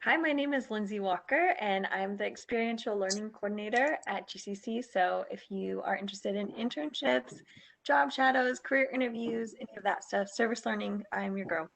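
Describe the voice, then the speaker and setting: Woman, gravelly fry, upbeat introduction on a video call. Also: mid-range voice, normal speed, fairly bright tone. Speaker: learning coordinator. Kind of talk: self-introduction.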